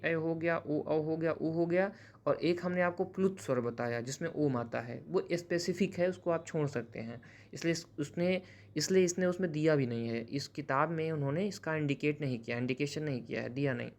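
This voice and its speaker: A man's voice: fairly high pitch, normal speed. A man teaching a grammar lesson who explains patiently, often restates terms, and corrects himself mid-sentence. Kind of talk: classroom-style grammar lesson.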